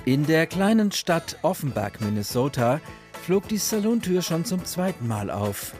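A man reading a humorous Wild West story for radio, playful and lively, giving characters their own voices. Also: on the high side, moderate pace, over music. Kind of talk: scripted storytelling narration. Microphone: studio microphone.

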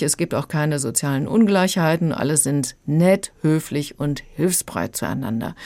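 Low-voiced woman critic talking through a kids' book on the radio, calm. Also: no echo.

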